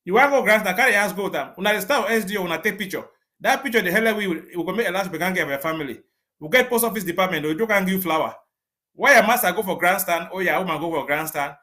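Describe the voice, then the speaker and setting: A man with a Cameroonian Pidgin English accent, speaking as a commander in a livestream interview and laying out orders in a forceful, declamatory way with repeated warnings. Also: high-pitched, lively intonation, fast.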